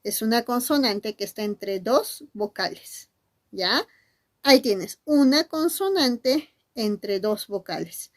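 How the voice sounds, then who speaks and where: A woman teacher gives an animated lesson to camera, asking questions and answering in the voices of her students. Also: fairly high pitch, slow pace. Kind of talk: classroom-style lesson to camera.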